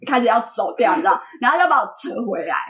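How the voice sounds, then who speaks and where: A woman's voice: a little high, big pitch swings, racing, fairly bright tone. A young woman with a Taiwanese Mandarin accent telling a dramatic story in casual podcast chat, often laughing. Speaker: podcast guest.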